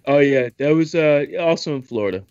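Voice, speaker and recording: A man's voice: on the high side, lively intonation, brisk, a little mellow, clean tone, no echo. A man hosting a podcast in casual chat, joking around and doing mock voices, recorded on a computer mic over a call. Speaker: podcast host. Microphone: computer mic on a Skype call. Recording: dry, dull lo-fi call audio.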